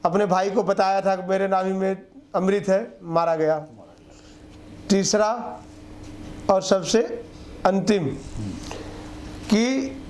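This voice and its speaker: Blunt, high-voiced man. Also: fairly even intonation, slow, pauses often, darkish tone, slight background noise. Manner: blunt, rustic and emphatic, with crude slang. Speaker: co-host of a film review chat. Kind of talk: casual chat.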